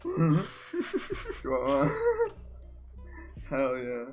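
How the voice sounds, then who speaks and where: A man's voice: a little high, wildly swooping pitch, extremely slow, a little mellow. A young man co-hosting a comedy podcast, joking crudely and laughing often over faint background music. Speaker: podcast co-host. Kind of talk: casual comedic chat.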